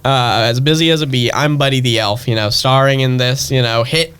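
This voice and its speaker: A young man, a stage actor, telling family stories in a chatty, animated way and acting out their voices. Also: mid-range voice, fairly quick, clean tone. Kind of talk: casual storytelling chat.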